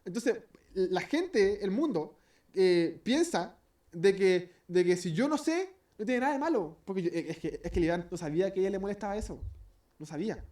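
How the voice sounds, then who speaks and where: A man's voice: sits high, expressive, normal speed, dark tone, distant mic. A man with a Chilean accent preaching an informal sermon in a church, rambling and hesitant with many restarts, and joking as he acts out little scenes. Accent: Chilean Spanish.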